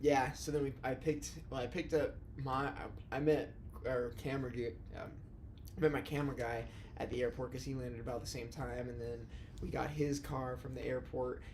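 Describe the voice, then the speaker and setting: Young man, podcast host, casual rambling chat, mid pitch, faint background hiss. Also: little pitch movement, moderate pace, darkish tone. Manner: rambling, restarts a lot, says dude and like.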